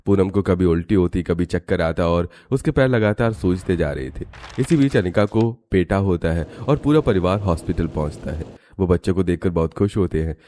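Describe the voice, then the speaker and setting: A man narrating an animated cartoon story in a steady storytelling manner. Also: sits low, a little hiss or hum.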